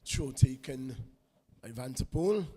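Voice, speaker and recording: A man giving unhurried live play-by-play commentary on a women's football match, lifting his voice when play gets close to goal. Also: mid-range voice, lively intonation, dark tone, breathy edge, in a large hall. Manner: unhurried play-by-play, rising on attacks.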